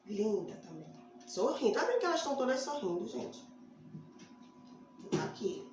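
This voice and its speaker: In a classroom with a board, a woman teacher with a Brazilian Portuguese accent tells a phonics story to small children, speaking slowly and sing-song as she stretches her vowels and points to letters. Her fairly high voice swings widely in pitch, and the very echoey room carries faint noise.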